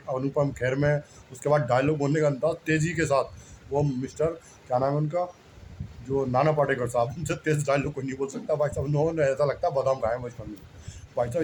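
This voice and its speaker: This low-quality clip, carrying some hiss or hum, features a religious speaker whose male voice is mid-range and darkish. Humble and self-effacing, he wanders through a casual monologue, repeats himself, and often says "bhai sahab" as if to a brother.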